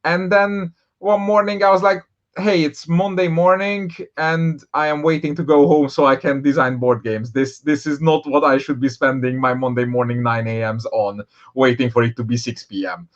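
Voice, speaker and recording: A man's voice: on the high side, fairly even intonation, moderate pace. A man from Hungary, a board game designer telling his story in a casual interview, rambling with lots of fillers and restarts. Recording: dull, lo-fi sound.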